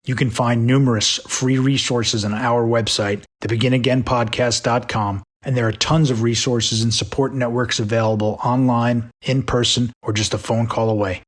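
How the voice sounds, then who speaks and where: Husky-voiced male podcast host. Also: mid-range voice, little pitch movement, normal speed, hardly any pauses. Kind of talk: scripted intro and interview.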